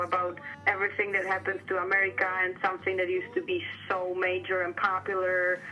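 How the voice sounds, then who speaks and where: A woman from the Republic, a filmmaker talking casually in a documentary interview, with lots of fillers. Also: fairly low pitch. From Czech Republic. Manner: casual, hedging with filler words. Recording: dull sound with faint music.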